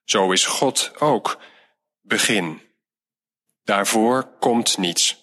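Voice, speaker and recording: A man reading a storybook aloud and voicing a humble, wise shepherd who speaks gently and patiently. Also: fairly low pitch, drawn-out words, full character voice. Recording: long hall reverb.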